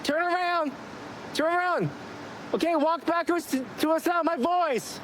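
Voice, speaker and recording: Police officer barking orders over a loudspeaker. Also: male voice, extremely high pitch, moderate pace. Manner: loud, clipped commanding orders. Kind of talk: felony traffic stop commands. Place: outdoors on a city street. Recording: noisy outdoor street recording.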